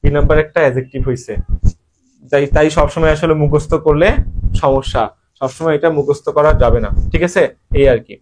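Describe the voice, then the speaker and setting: A man's voice: fairly high pitch, slight background noise. A young man with a Bangladeshi Bengali accent teaching English grammar in an online admission-prep lesson, drilling students with rhetorical questions.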